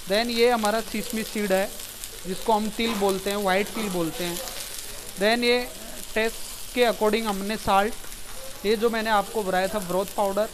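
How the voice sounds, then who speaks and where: Against a noisy background, a male chef in his thirties walks through a dish step by step in a commercial restaurant kitchen, speaking into a lapel mic and mixing in English words. He talks a little slowly in a high, steady voice.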